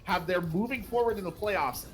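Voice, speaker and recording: Male play-by-play caster, slightly high voice, quick hype calls during fights. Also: fairly bright tone, slight background noise. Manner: rapid hype-building calls in big moments, joking asides. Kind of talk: live play-by-play commentary.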